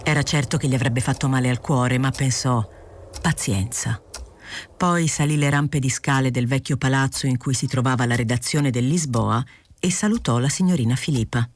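A woman narrating a literary novel as an audiobook reader, in a measured, even storytelling delivery. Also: very deep voice.

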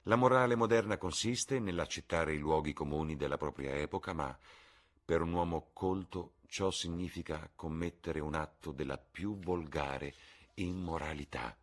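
A man with a very deep, husky voice reading a witty, cynical aristocrat who speaks in ironic epigrams. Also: moderate pace.

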